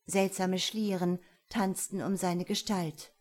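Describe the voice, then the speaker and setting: A woman narrating an audiobook in a steady storytelling voice. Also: fairly low pitch, takes it slowly. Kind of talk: scripted narration.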